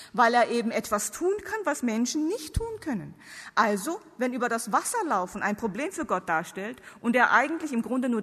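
In a large, reverberant hall before a seated audience, a woman preaches theology in German, which is not her first language, since she comes from outside Germany. She leans on emphatic rhetorical questions, and her voice is a little high and slightly rough under the hall's long reverb.

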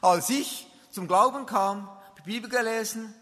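A man's voice: sits high, measured pace, sharp tone. A man with a Swiss German accent giving an earnest, emphatic testimony sermon, telling stories from his own life. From Switzerland. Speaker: lay preacher. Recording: long reverb of a large hall.

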